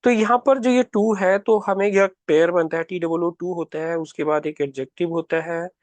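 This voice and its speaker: High-voiced man teaching grammar. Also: steady tone, dry recording. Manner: explanatory, repeats key words, reads example sentences slowly. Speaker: English teacher. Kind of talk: exam-prep grammar lesson.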